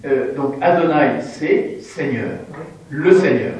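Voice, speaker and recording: A man giving an informal bible lesson to a group, explaining patiently and haltingly with many fillers. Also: fairly high pitch, a little mellow. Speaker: religious teacher. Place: indoor room with listeners. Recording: very echoey room, mic far off.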